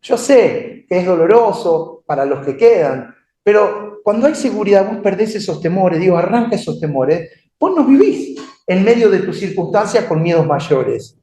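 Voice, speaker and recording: A man with a Rioplatense Spanish accent preaching a sermon in a conversational, animated way, often asking the congregation questions. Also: sits high, normal speed. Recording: echoey room.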